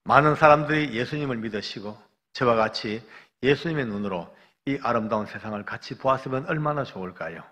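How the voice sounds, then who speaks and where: A man putting on a gentle young condemned man. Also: mid-range voice, animated, brisk, lightly acted. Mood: calm. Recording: echoey church hall.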